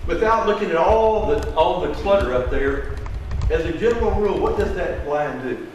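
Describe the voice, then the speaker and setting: Leading a money seminar presented like a class, a middle-aged financial advisor with a folksy, emphatic style keeps throwing questions to the audience. His slightly high voice has lively intonation at a normal speed. A distant room mic captures him across a very echoey space, with faint hiss.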